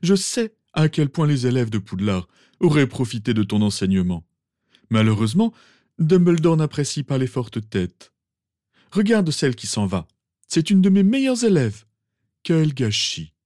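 A man voicing a pompous, sentimental old male wizard professor, with theatrical, drawn-out exclamations. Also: mid-range voice, very animated, dark tone, dry recording, clean studio sound, natural voice. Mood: fussing. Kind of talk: fan audiobook reading.

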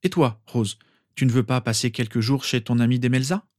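A man's voice: mid-range voice, a little fast, a little mellow, no room sound, clean studio sound, natural voice. A man doing an amused, protective father. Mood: fatherly.

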